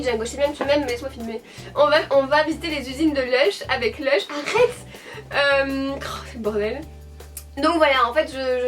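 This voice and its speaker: A woman's voice: high voice, recorded from a distance. A woman of twenty-four with a Belgian French accent from Hainaut, chatting casually to camera at home as a YouTuber, rambling along with fillers and self-corrections. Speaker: beauty YouTuber answering a tag. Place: at home, indoors.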